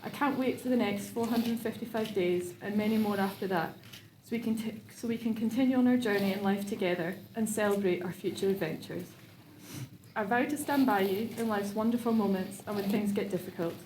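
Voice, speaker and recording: A woman's voice: mid-range voice, fairly quick, darkish tone. A woman reading her own wedding vows aloud, nervous and laughing between lines. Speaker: bride renewing vows. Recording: echoey room with background noise.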